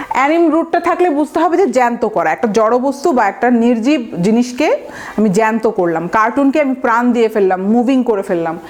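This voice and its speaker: A woman's voice: fairly high pitch, a little mellow. A woman with a Bangladeshi accent teaching vocabulary for exam prep, mixing English phrases in and sounding out long words syllable by syllable. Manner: fillers and restarts, asks the viewer rhetorical questions. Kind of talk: online exam-prep lesson.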